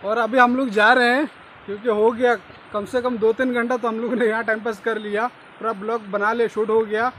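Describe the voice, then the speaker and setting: Man, hoarse, very high voice, loud casual vlog talk, noisy outdoor sound. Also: level tone, fairly quick. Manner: loud, speaking over the noise. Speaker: vlog co-host. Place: outdoors at a waterfall.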